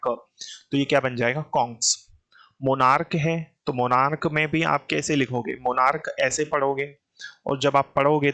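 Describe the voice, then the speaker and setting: A man with an Indian English accent teaches an exam-prep grammar lesson at an everyday mid pitch. He keeps firing questions at the class and answering them himself, calling the student "beta" as he goes. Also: a bit bright.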